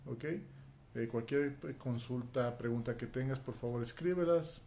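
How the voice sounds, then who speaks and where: Holding a phone camera at arm's length in a small room at home, a man in his forties from Quito introduces himself as a martial arts instructor and life coach, earnestly facing the viewer and frequently tagging "ok?". His Ecuadorian Spanish accent rides on a warm, medium-pitched, unhurried voice, with a little hiss or hum.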